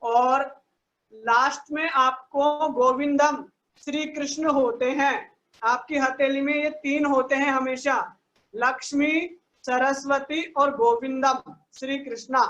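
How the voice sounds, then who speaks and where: Over an online video call, this high-voiced woman keeps her intonation fairly even, her tone fairly bright, though the audio is dull and the room echoey. She is patiently guiding children through a lesson, explaining slowly and checking again and again with "ठीक है ना."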